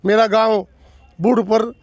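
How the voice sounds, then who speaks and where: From the villages of North Delhi, India, a man in his sixties running for election answers interview questions earnestly and emphatically, with repetitions and lists of points. His high voice keeps a fairly even intonation at a measured pace, with no echo.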